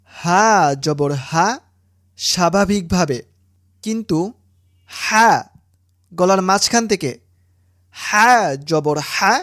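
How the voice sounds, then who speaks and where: A woman teaching Quran reading in a slightly low voice, pausing between each letter sound. She speaks very slowly and carefully, as if to young learners. The recording is dry and close, with no room sound. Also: no echo. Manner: slow, deliberate, drawn-out syllables. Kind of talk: slow instructional recitation lesson.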